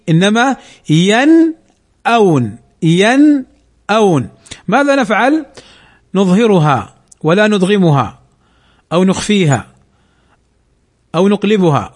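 A man teaching Quran recitation rules, asking questions and slowly drawing out recited examples. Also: sits high. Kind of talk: slow Tajweed lesson.

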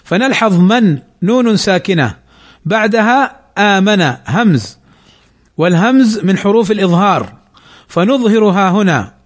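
A man teaching Quran recitation rules, asking questions and slowly drawing out recited examples. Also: sits high, very animated. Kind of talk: slow Tajweed lesson.

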